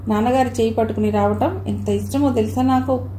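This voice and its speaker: A woman's voice: a little high, fairly even intonation, brisk, warm tone, slight background noise, lightly acted. A woman voicing a sweet, affectionate schoolgirl in an audio novel. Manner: affectionate, explaining. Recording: roomy echo.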